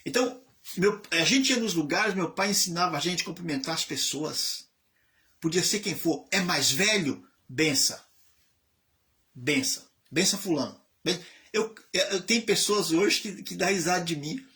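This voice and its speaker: A man's voice: sits high, normal speed. A man in his fifties from Bahia, Brazil, an evangelist chaplain telling his life story in a conversational sermon, acting out the voices of people in it. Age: 50s. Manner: conversational preaching, lively storytelling with quoted voices. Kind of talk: sermon testimony.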